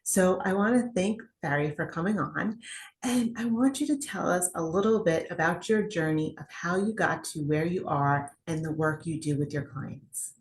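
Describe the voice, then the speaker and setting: Woman host, low voice, upbeat and persuasive, on a video call. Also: moderate pace. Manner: upbeat, persuasive, rhetorical questions. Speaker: interview host. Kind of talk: casual interview.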